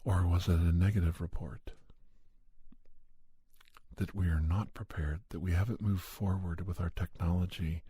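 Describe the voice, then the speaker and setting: A man with a soft, breathy, raspy voice hosts a podcast of first-person horror stories, told in a slow, hushed, deliberate ASMR style close to the microphone. His voice is deep and steady, with no room sound.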